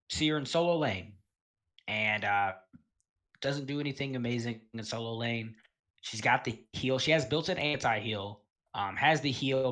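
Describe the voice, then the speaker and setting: A man's voice: mid-range voice, fairly bright tone. Laid-back man rambling through game commentary. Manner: rambling, heavy on fillers like um and you know; laid-back, chuckles between points. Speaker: gaming video host. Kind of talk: casual tier list commentary.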